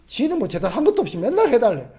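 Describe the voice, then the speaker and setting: A male pastor preaching a sermon, talking with the congregation and asking them questions, and acting out quoted voices in a gruff tone. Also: very high voice, wildly swooping pitch, very fast, warm tone. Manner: conversational, asks the congregation questions.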